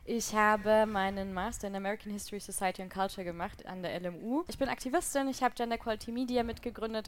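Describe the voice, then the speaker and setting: A woman's voice: medium pitch, slight background noise. Matter-of-fact woman activist guest.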